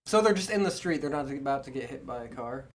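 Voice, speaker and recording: Man, podcast co-host, casual chat, animated, argues his answers, lively pitch. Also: quick pace.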